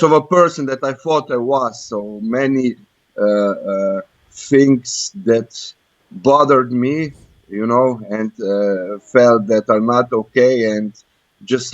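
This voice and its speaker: On a dull, lo-fi internet voice call, a Croatian-accented man with a medium-pitched voice speaks slowly, with no room sound. He's chatting casually and personally, hesitating as he searches for words.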